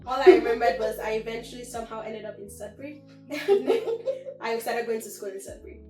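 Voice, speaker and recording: A woman's voice: fairly high pitch, level tone, fast talker, darkish tone. A teenage girl answering interview questions earnestly, saying "like" and "honestly" often. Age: teens. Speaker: guest. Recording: roomy, distant mic, faint music.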